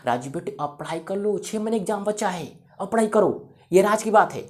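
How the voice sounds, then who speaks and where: A man's voice: high voice, expressive, normal speed, pitched above the performer's own voice. A man voicing a worried, patient mother who keeps pleading with her son to study, in a repetitive coaxing way.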